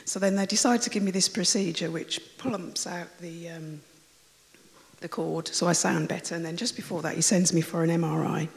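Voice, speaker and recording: Woman telling her testimony at church, croaky raspy voice like she's got a cold, a bit low, long hall echo. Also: fairly even intonation, normal speed. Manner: chatty and rambling, with many fillers and restarts. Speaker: church member giving a testimony. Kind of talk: personal testimony told to a congregation. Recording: long reverb of a large hall.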